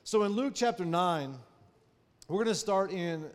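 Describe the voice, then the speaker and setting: A man's voice: high voice, measured pace, big-room sound. A man preaching a sermon, telling a personal story in a folksy way with frequent "right?" asides. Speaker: pastor.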